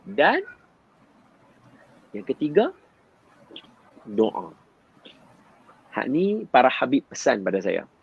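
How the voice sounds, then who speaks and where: A man, telling a story in an animated way and often turning to address his listener directly. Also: medium pitch, slow, vocal fry, long pauses, slightly rough, muffled recording. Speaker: guest father sharing parenting experience. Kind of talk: storytelling in conversation.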